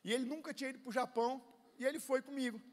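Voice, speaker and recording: High-voiced Brazilian pastor in echoing hall. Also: male voice, rapid-fire. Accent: Brazilian Portuguese. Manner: animated, swings from hushed to loud when telling a story. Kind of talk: sermon storytelling. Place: large church hall. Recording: long reverb of a large hall.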